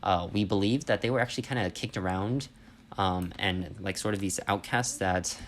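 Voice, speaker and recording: Male instructor, deep register, informal and explanatory lecture delivery, faint background noise. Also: normal speed. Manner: conversational, explanatory, often checks in with "right?". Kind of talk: informal spoken history lesson.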